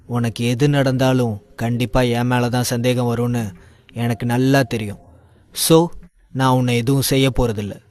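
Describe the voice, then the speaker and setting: A man's voice: medium pitch, no room sound, lightly acted. A man voicing a sneering young villain who taunts and threatens in a mocking tone.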